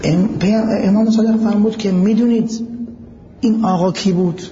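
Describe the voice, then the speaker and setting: A man's voice: high voice, steady tone, warm tone, in a large hall, highs cut off, slight background noise. A man giving a religious lecture who recites Arabic passages, explains them and puts questions to his listeners. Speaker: preacher.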